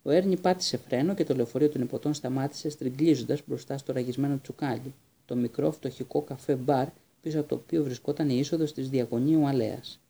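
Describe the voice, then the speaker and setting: A man narrating an audiobook in a steady reading manner, with occasional small restarts. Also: medium pitch, creaky. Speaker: audiobook reader.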